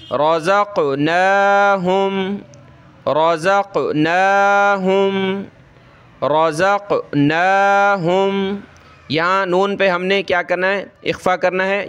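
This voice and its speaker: A man teaching Quran reading, who explains pronunciation rules quickly and then recites each word slowly and drawn out. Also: sits high, flat delivery, a bit bright, clear, resonant tone. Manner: rapid explanations alternating with slow drawn-out recitation of words; asks and answers his own questions, repeats words, checks understanding.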